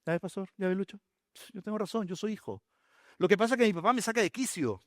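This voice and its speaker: A man's voice: high voice, fast, dry recording, studio quality, close to an everyday voice. A man doing a whiny teenage son. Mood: whiny defiant. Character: defiant teenage son complaining about his dad.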